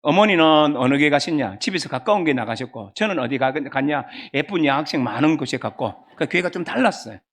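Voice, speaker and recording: A man in his fifties with a Gyeongsang accent, preaching a sermon as a pastor through lively storytelling and questions to the congregation. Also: on the high side, a little fast, few pauses. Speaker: pastor and seminary professor.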